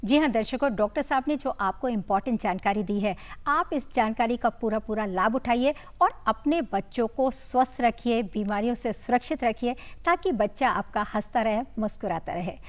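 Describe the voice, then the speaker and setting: Woman host, higher pitch, formal and courteous broadcast delivery. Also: normal speed, few pauses. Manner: polite formal presenter, frequent affirmations. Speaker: TV show host. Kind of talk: broadcast hosting.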